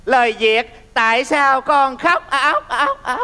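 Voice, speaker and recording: A woman's voice: sing-song, heavy background noise. A woman playing a bumbling Santa Claus. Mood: jolly. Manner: slow booming calls mixed with bits of English. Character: bumbling male Santa Claus, jolly and blunt. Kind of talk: stage comedy sketch. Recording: live stage with loud audience and music.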